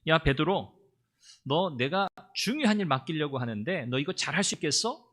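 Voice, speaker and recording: A man's voice: a little high, lively intonation, moderate pace, a bit bright. A male pastor voicing a risen teacher who questions a disciple with blunt, casual questions. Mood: questioning.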